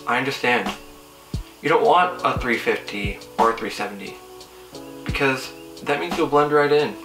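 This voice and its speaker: A young man hosting a car video, delivering a casual scripted roast and review in a sarcastic, teasing manner. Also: mid-range voice. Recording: roomy echo, distant mic, faint music.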